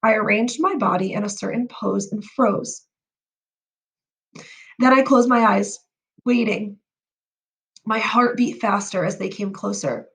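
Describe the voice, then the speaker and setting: A woman reading a children's chapter book aloud, telling it gently and expressively. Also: medium pitch, a little slow, pauses often, far from the mic.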